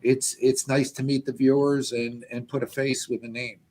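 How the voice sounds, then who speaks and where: A man's voice: mid-range voice, little pitch movement, moderate pace, a little mellow. An American man with a middle-range voice chats casually as a show co-host. His manner is friendly and welcoming toward guests and viewers. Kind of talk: casual chat.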